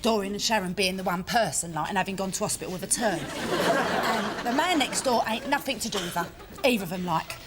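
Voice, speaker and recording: A woman's voice: medium pitch, brisk, over a noisy crowd, very noisy, lightly acted. An actress playing a flustered woman rambling excuses at the door in a sitcom. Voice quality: rambling, gabbling. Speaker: sitcom character. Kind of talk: studio sitcom acting.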